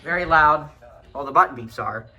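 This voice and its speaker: This young man's voice sits a little high and sounds pushed and bright, delivered at normal speed over dull audio. Hosting a video of his radio collection, he does an off-the-cuff show-and-tell, rambling, repeating himself, and giving blunt opinions.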